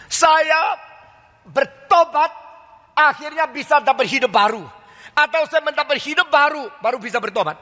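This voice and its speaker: Older pastor preaching in a ringing hall. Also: male voice, very high voice, moderate pace, pushed and bright. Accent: Indonesian. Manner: preaching with rhetorical questions and mock dialogues, colloquial asides. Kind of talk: sermon. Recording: long hall reverb.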